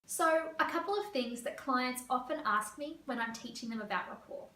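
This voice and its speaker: A woman career coach from Australia, explaining interview tips to camera in a fast, lively way. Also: high voice. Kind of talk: teaching to camera. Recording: echoey room, voice a bit far.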